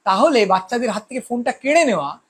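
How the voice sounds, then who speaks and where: A woman giving a measured, reflective spoken essay, reasoning aloud and asking rhetorical questions. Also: fairly high pitch, expressive, slightly rough. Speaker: speaker on social issues.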